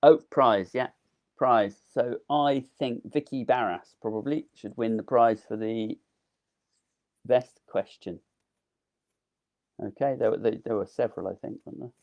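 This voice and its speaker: In dull-sounding audio, a man of medium pitch talks a little slowly, pausing often, in a live online gardening talk. He grows delphiniums and comes across as chatty and enthusiastic, with plenty of ums, though he's losing his voice.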